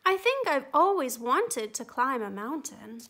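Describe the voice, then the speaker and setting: A woman's voice: high-pitched, big pitch swings, unhurried, a bit bright, full character voice. A woman voicing a small toy teddy bear, wide-eyed and wondering.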